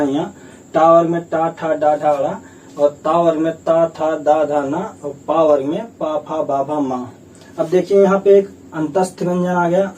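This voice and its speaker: A male teacher gives a grammar lesson, explaining patiently and repeating himself as he sounds out letters one by one. His voice is slightly high and mellow. It is picked up from a distance, with a faint hum of room noise behind him.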